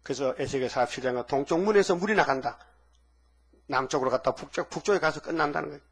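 A man with a husky voice preaching a sermon emphatically, firing off rhetorical questions at the congregation. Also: a little high, fast. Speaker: pastor.

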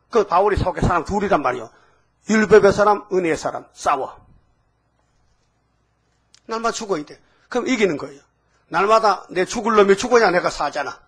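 An older pastor preaches to his congregation in a folksy, teasing manner, frequently tossing questions back with "응?" in a call-and-response style. His voice is high-pitched and fairly bright, with a slight roughness.

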